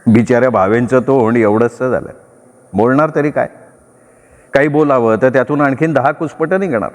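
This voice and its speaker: Expressive male storyteller, reverberant room. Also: mid-range voice, moderate pace. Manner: lively, expressive narration. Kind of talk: dramatic story reading. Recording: long reverb.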